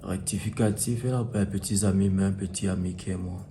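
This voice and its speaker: A man's voice: deep voice, fast, close to an everyday voice. A young man with a Cameroonian French accent playing a stubborn, insolent boyfriend who talks back. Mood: defiant. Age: young adult. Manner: insolent, calm then shouting back. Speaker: boyfriend in a comedy web series. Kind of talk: comedy web series acting. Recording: roomy echo, far from mic, light music.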